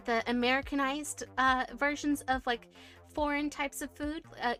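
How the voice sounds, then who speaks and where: A woman from the United States with a high-pitched, slightly bright voice chats casually while streaming. She reads messages from viewers, laughing a little and using plenty of fillers and restarts.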